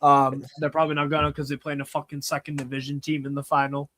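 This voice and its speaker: A man's voice: on the high side, completely flat delivery, fast talker, fairly bright tone. A man chatting casually as a guest streamer, loose and sweary in his phrasing. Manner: sweary, laid-back phrasing. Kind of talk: casual chat.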